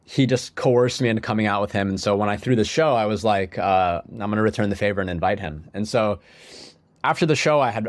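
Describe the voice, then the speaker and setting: With a fairly low voice and no room sound, a young musician guest on a podcast shares his story. His delivery is loose and wandering, heavy on "like" and full of restarts, and he's a bit sniffly because of a cold.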